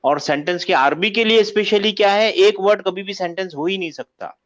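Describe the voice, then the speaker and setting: Speaking in a high, brisk, fairly bright voice, a male Arabic teacher runs a grammar lesson online and keeps checking that his students are following along. It's captured from a video call, with muffled, low-fidelity sound.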